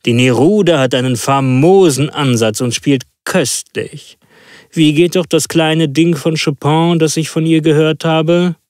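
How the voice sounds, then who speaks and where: A man voicing an impatient, eccentric male detective with quick, commanding speech. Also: a little high, a little mellow, no room sound, clean studio sound, pitched above the performer's own voice, lightly acted. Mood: exuberant.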